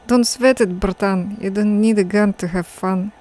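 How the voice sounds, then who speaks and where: A woman's voice: medium pitch, steady tone, normal speed, mellow, close to an everyday voice. A woman voicing a jolly, crude talking necktie with a put-on Russian accent, in a playful, teasing manner.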